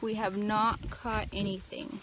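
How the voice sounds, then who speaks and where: A young woman talks to her viewers in an easygoing, unhurried way, filming herself on a handheld camera. She is outdoors by a lake, and there is a faint hiss behind her voice. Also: mid-range voice, little pitch movement, fairly bright tone. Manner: chatty, addresses viewers directly. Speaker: vlogger. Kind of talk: casual vlog to camera.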